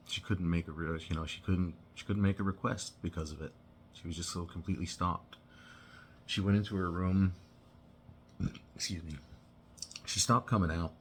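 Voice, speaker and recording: A man with a notably low voice tells a personal story in a loose, casual way. He stops and restarts often and fills gaps with "you know". A faint hiss of noise sits under his voice. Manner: rambling, halting, full of restarts and "you know".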